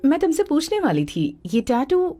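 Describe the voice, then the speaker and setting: A woman dubbing a bossy, sharp-tongued woman of the hero's family, with a scolding manner. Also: high voice, wildly swooping pitch, moderate pace, faint music behind. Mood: flirty. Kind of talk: Hindi film dubbing.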